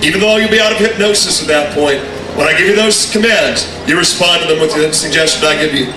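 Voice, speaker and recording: A man's voice: fairly high pitch, quick pace. A man working as a stage hypnotist, addressing audience and volunteers in a commanding patter full of repeated phrases. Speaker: stage hypnotist, show host. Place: large echoey hall on stage. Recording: echoey hall PA from far off, music and crowd. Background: music and crowd noise.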